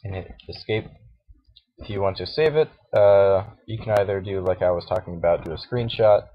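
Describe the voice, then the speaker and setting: A man with a groggy morning voice, talking through a software tutorial casually and hesitantly, with many fillers and restarts. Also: deep voice, normal speed. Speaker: tutorial host. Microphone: cheap computer microphone. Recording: dull lo-fi mic with faint hiss and mouse clicks.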